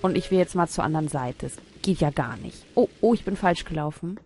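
A woman's voice: low voice, expressive, fairly quick, a little mellow, soft background music. A woman commenting casually on her gameplay, muttering and puzzling aloud as she thinks. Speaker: let's play host.

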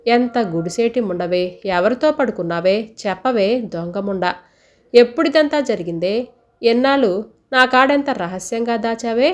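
A woman's voice: on the high side, normal speed, lightly acted. A woman voicing a furious, coarse middle-aged village mother who scolds and curses shrilly.

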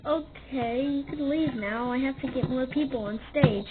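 Woman doing a squeaky full-of-herself youtuber girl, super dramatic, tinny noisy phone audio. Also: moderate pace, natural voice. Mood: showy. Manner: dramatic, squealing, over-the-top. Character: self-important young female YouTuber, dramatic and showy. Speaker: skit performer. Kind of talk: comedy skit role-play.

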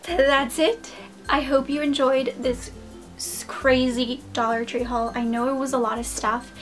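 A woman vlogger chatting casually to her viewers, gushing and fast-talking. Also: high voice, fairly even intonation, soft background music. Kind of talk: casual haul video talk. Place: home room.

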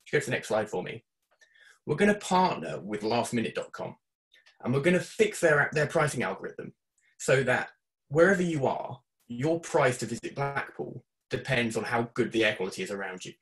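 A man presenting a student campaign pitch on a video call, his voice sitting at an ordinary middle pitch. He sounds upbeat and keen and fills the gaps with "um" as he moves through his slides. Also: normal speed. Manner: upbeat, steady pitch with fillers.

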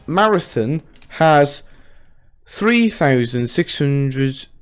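High-pitched young man, exclamatory. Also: animated, extremely slow, clean tone, faint music behind. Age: young adult. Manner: exclamatory, self-mocking. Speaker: video host. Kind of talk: casual gaming challenge commentary. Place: small room at home. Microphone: studio condenser mic with pop filter, close up.

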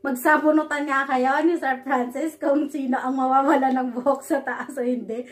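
A Filipino woman with a high, steady voice speaks at a normal pace in a ranting reaction vlog. She scolds and mocks sarcastically, frequently stumbling over and repeating her words.

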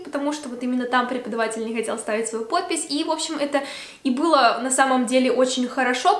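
Her fairly high, slightly bright voice carries some reverb as she chats to camera. She's a twenty-five-year-old beauty vlogger from Belarus doing a casual Q&A in a room at home by a Christmas tree, with lots of fillers throughout.

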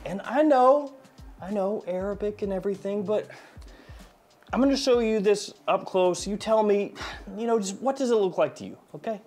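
Recording in a small indoor studio with soft music behind him, a man in his forties reviews fragrances for his channel. Despite a slight head cold, his high-pitched, slightly mellow voice moves at a moderate pace through casual jokes and wry comments.

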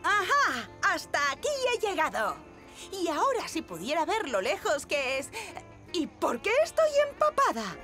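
A woman's voice: high-pitched, wildly swooping pitch, unhurried, music in the background, exaggerated voice. An actress voicing a playful, goofy cave girl who loves pranks. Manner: bubbly, silly, theatrical. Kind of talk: Spanish cartoon dubbing.

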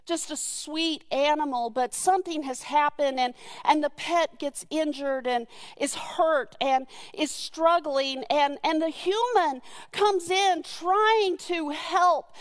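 A woman preaches from the pulpit, retelling the story with earnest warmth and the odd soft laugh. Her voice sits high, and she takes her time over each phrase. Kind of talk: sermon.

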